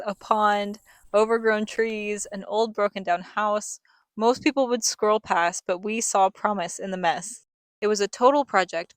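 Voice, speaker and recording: A woman's voice: mid-range voice, dry recording. A young woman reading a scripted vlog voice-over in a reflective, earnest storytelling manner. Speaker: family vlogger, co-host.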